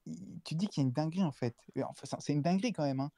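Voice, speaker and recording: A podcast co-host chatting casually about a wrestling show, quick and full of restarts. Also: mid-range voice, gravelly, dark tone.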